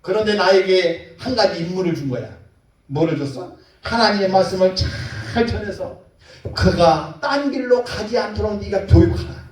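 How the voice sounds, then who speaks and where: A man's voice: high-pitched, expressive, moderate pace. A male pastor preaching a sermon in an emphatic way, putting rhetorical questions to the congregation. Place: church sanctuary. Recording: echoey hall, mic far off.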